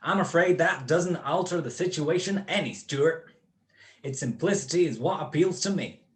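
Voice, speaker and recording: In a radio play, a man with a slightly high, natural voice at normal speed plays a smug, cold-blooded criminal mastermind. His speech is precise, mocking and grandiloquent, sounding commanding and pleased.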